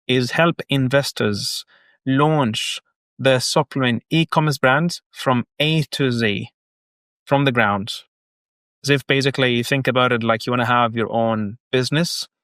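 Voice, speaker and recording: A man's voice: mid-range voice, a bit bright, no room sound. A man from Egypt in his thirties, a guest on a business podcast, explaining his work earnestly step by step. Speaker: guest, marketing agency founder. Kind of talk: casual podcast interview.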